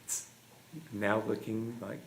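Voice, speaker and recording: A man chairing a school board meeting, asking questions in a measured, hesitant way. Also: on the low side, flat delivery, vocal fry, noisy background. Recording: echoey meeting room, faint ambience.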